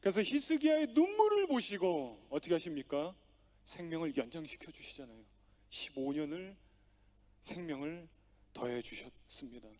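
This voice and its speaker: Expressive high-voiced male pastor. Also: moderate pace. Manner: storytelling with acted-out dialogue, emphatic and expressive. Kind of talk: sermon. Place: church sanctuary.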